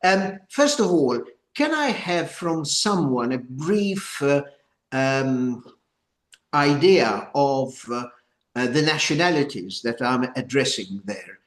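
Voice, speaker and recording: An older man opening a training session for a group, speaking deliberately and haltingly with repeated words. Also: mid-range voice, animated, fairly bright tone. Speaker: former judge giving a training session. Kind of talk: informal lecture opening, addressing a group. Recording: echoey room.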